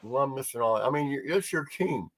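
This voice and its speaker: A man's voice: mid-range voice, animated, quick pace, fairly bright tone. A man co-hosting a casual sports podcast, talking with mumbled articulation as if he had marbles in his mouth.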